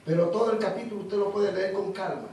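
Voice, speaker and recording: A Panamanian man preaching a sermon in an animated storytelling way, repeating words as he goes. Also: high-pitched, quick pace, vocal fry, heavy reverb, distant mic, a little hiss or hum, low-quality recording. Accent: Panamanian Spanish.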